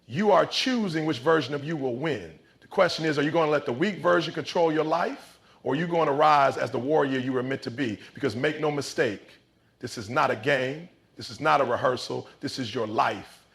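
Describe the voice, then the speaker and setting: A man delivering a scripted motivational speech like a halftime pep talk, intense and emphatic, in punchy phrases with dramatic pauses. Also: mid-range voice, creaky, fairly bright tone. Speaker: motivational speaker.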